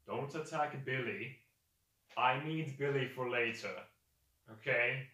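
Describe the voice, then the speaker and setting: A man's voice: medium pitch, takes it slowly, sharp tone. A man voicing a hooded male orc healer who cheerfully coaxes his ogre companion. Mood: coaxing. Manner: cheerful, coaxing, talks to his ogre like a pet. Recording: roomy, distant mic.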